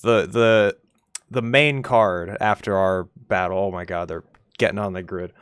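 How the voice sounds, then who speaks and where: A man commentating a live-streamed sim race, excitable and stumbling over his words, still coughing from a cold. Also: low voice, a little slow, clear, resonant tone, no echo. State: coughing a lot.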